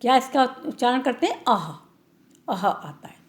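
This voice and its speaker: A woman teaching an online class for young children, drawing words out slowly and often checking in with the pupils. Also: sits high, sing-song. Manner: slow, drawn-out word-by-word reading, tag questions to pupils. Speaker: primary school teacher.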